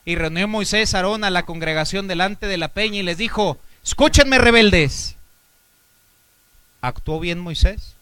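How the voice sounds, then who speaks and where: A Mexican man, a pastor, preaching a sermon with a Mexican Spanish accent. He poses rhetorical questions to the congregation and swings between loud exhortation and quiet asides. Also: high-pitched, brisk, hardly any pauses, clear, resonant tone, no room sound.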